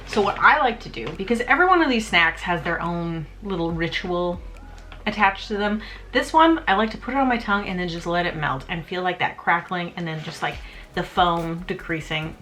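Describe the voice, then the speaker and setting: A young Canadian woman vlogs casually at home about her snacks, bubbly and self-mocking, laughing often. Her voice is lowish and sharp in tone, at a moderate pace.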